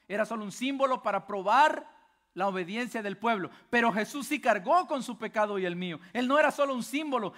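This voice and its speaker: Male pastor with a high voice, preaches with passion and fires rhetorical questions, dropping quiet and then getting loud. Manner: swings between low hushed stretches and loud emphatic ones. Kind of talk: sermon.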